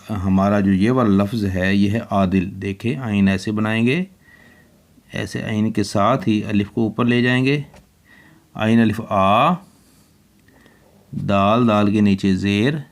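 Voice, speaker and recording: This fairly low-voiced man is teaching little children to write, going very slowly and patiently and naming each letter individually while writing it.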